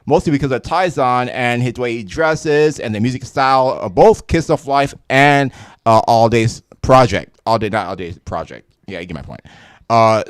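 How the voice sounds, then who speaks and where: A man reads news articles on his live stream, in an easy, conversational commentary. His voice is smooth and resonant, and he trips over words and restarts often. The sound is close and dry, with no room around it. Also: medium pitch, no room sound. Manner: reads haltingly with self-corrections and asides. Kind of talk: casual commentary reading articles aloud.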